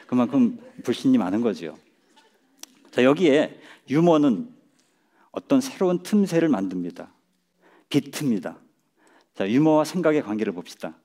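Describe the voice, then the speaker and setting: Mellow-voiced man giving a lecture. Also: mid-range voice, sing-song. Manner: measured, chuckles at his own jokes. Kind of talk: public lecture. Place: lecture stage before an audience.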